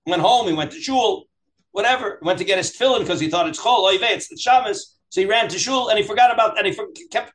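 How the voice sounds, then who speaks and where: High-voiced man teaching. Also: reverberant, low-quality recording. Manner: animated, questioning, acts out examples in dialogue. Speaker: rabbi teaching a Talmud class. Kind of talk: interactive text lesson, reading aloud and explaining.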